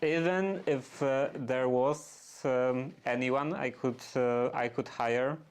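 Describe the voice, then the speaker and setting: A man chatting casually and unscripted, halting and often searching for his words. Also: medium pitch, clean tone. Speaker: streamer doing workshop restoration.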